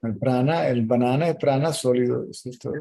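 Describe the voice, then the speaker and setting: Male spiritual teacher, very dark mellow voice, calm explainer. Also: medium pitch, brisk, vocal fry, poor audio. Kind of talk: answering questions in a meeting.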